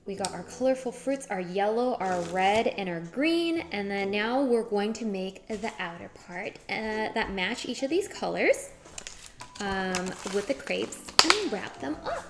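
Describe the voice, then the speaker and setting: A woman's voice: medium pitch, lively intonation, measured pace. A woman chatting playfully to her viewers while she cooks in a kitchen. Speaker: cooking streamer. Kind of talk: casual cooking chat. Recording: music playing behind.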